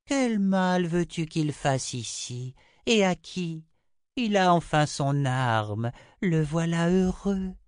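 A man reading an audiobook, voicing a cryptic, aloof woman seer in a raised, slow voice with dry, close sound. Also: expressive, clear, resonant tone, no echo. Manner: raised pitch, slow measured delivery. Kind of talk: audiobook character voice.

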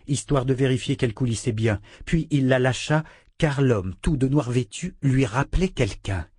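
A man reading a fantasy novel aloud as narrator, in an even, measured way. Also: medium pitch, no echo, studio quality. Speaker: audiobook narrator. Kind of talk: scripted narration.

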